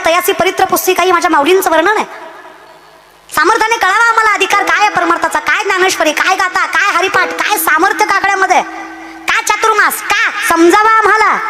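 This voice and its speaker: A young woman from Maharashtra preaching an impassioned devotional kirtan sermon, chanting verses and exhorting her listeners. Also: very high voice. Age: young adult.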